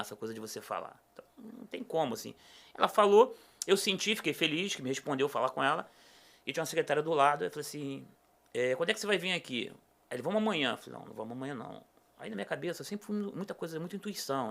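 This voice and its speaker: Telling a personal story as a podcast guest, this middle-aged Brazilian man from Rio de Janeiro state performs the dialogue animatedly in a casual chat. He has a mid-range voice with vocal fry.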